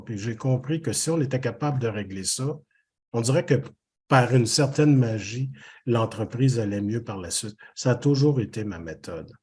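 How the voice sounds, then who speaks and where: An older man with a Québécois French accent speaks as an interview guest, his husky voice sitting at an ordinary middle pitch. He talks earnestly and reflectively, circling back on phrases and leaning on fillers as he thinks. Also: darkish tone. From Haiti. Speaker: business owner guest. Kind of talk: casual interview conversation.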